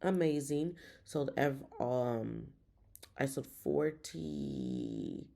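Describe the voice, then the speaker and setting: A woman's voice: very deep voice, big pitch swings, extremely slow, creaky, warm tone. A woman giving a casual, chatty vlog update as a reseller, winded and rambling along upbeat. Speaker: reseller vlogger.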